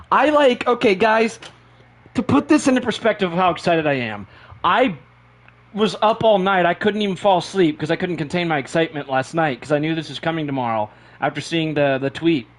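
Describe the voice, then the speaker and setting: A man with a high voice streams a racing game live and talks with bubbling excitement. He rambles and says the same things twice, running on little sleep and plenty of caffeine. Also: moderate pace. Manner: excitable, rambling, repeats himself.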